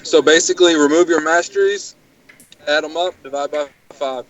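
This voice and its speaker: A man's voice: a little high, fairly even intonation, moderate pace, fairly bright tone. A man talking casually as a co-host on a gaming show. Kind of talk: casual chat. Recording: dull lo-fi voice chat audio.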